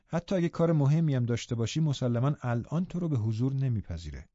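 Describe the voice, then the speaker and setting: A man's voice: mid-range voice, animated, warm tone, no echo, natural voice. Man voicing an anxious, protective housekeeper. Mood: wary. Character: worried middle-aged female housekeeper. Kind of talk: audiobook reading. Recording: dull, dry studio recording.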